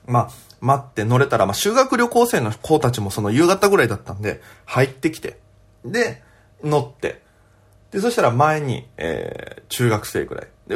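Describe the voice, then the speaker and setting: A young man, a comedian, telling a story alone on his podcast in a chatty, animated way. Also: medium pitch, slightly rough.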